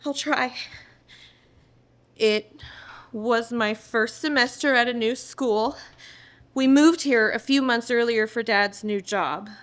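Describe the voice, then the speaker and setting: A woman's voice: a little high, takes it slowly, pauses often, a bit bright. A woman playing a shy, lonely teenage student recounting a haunting in a radio drama. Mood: subdued. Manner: shaky recollection.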